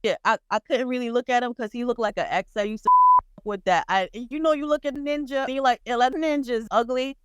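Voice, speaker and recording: A woman's voice: a little high, fast, clear, resonant tone, no room sound. Blunt, profane woman podcast host. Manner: blunt, profane, animated storytelling. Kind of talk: casual pop-culture chat.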